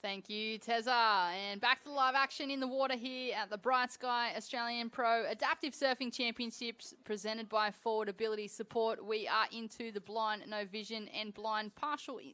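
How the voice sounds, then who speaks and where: A woman's voice: fairly high pitch, steady tone, normal speed, pushed and bright. A woman hosting live sports commentary from the booth at an event.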